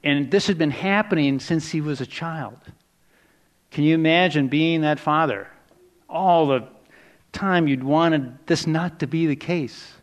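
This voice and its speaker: Higher-pitched man preaching a sermon. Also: measured pace. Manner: conversational, reflective preaching with soft dips for quoted words.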